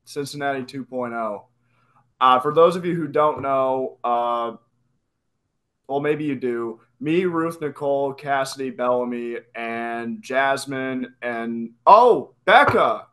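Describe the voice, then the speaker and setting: Laid-back man with a bright voice. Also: mid-range voice, steady tone, slow pace. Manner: laid-back, hesitant with many ums. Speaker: podcast guest. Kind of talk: casual fan podcast chat.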